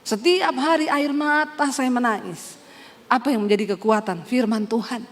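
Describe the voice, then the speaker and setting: A woman's voice: on the high side, normal speed. A woman pastor in her forties from Central Sulawesi, earnestly telling her testimony in a sermon and addressing listeners as brothers and sisters. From Poso, Central Sulawesi, Indonesia. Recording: long hall reverb.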